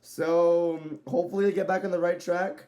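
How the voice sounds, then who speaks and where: A man giving a casual, rambling video review, filling pauses with "so, yeah" and now and then speeding up. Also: high-pitched, flat delivery, mellow. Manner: rambling, loose delivery with frequent "so, yeah" fillers; at times speeds up. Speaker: wrestling show reviewer.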